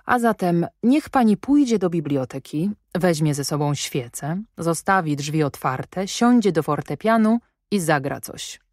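A brusque, commanding gentleman, as a woman reads him aloud for an audiobook, questioning sharply and with dry irony. The voice sits low and is heard close and dry, with no room sound. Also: lively intonation, moderate pace, dry recording. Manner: imperious, probing, sardonic. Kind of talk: audiobook reading.

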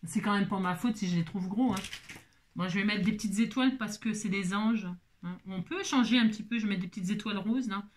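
Woman host for a casual craft tutorial, playful and chatty, talks to herself as she works, mid-pitched voice. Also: brisk. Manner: talks to herself and viewers while working, playful teasing asides.

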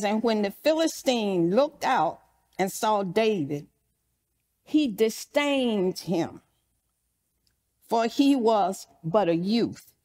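Woman preacher telling the bible story slow and dramatic, voice on the high side. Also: darkish tone. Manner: storytelling preacher acting out scripture quotes. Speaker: pastor. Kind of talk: sermon.

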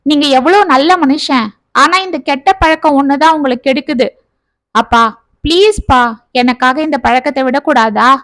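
A woman's voice: high-pitched, moderate pace, a bit bright, no echo. A woman voicing a determined college-age daughter who pleads insistently with her father in a storybook tale. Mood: pleading.

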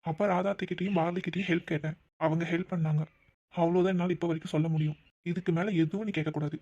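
A man's voice: on the high side, steady tone, fast talker, darkish tone. A man voicing a defensive, pleading young boyfriend in a cartoon, in a dull, dry, lo-fi recording. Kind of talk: cartoon voice acting.

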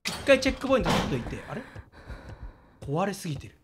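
A man commentating a horror game, excitable, talking to himself, often shouting and laughing. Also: high-pitched, fast talker, slight background noise.

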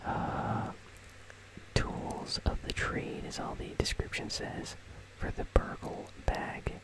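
Speaking slowly in a breathy, unvoiced whisper, a gaming news host delivers relaxed ASMR game commentary in a conversational style. The recording quality is low.

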